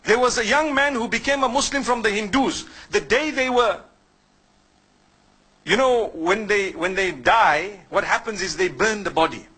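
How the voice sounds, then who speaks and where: A Zimbabwean man preaches an Islamic sermon in a conversational way, posing questions to listeners and then answering them himself. His voice is high, sharp and slightly rough, at a moderate pace, and the recording is poor.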